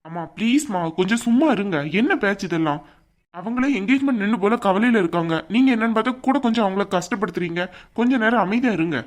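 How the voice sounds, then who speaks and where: A woman voicing a calm, patient young husband in a cartoon, soothing and reasoning. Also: mid-range voice, fast, lightly acted. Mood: pleading firm.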